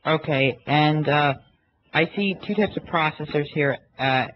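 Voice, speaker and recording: A man speaking casually and haltingly, asking questions in the manner of a phone inquiry. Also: fairly high pitch. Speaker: prank caller. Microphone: phone call. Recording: muffled, noisy phone call recording.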